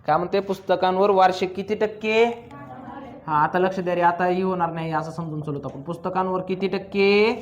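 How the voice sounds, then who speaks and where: High-voiced teacher drilling a class. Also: male voice, fairly even intonation, a little fast, lo-fi sound, slight background noise. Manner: asks the class constant questions, teasing and drilling. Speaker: accounts teacher. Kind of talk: classroom lecture.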